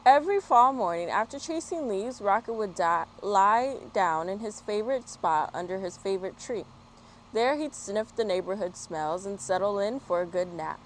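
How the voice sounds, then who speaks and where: An American children's book reader hosts story time in a yard, reading with expression and chatting in a friendly tone. Her medium-pitched voice has lively intonation and normal speed. Street work, traffic and outdoor ambience come through her small external microphone.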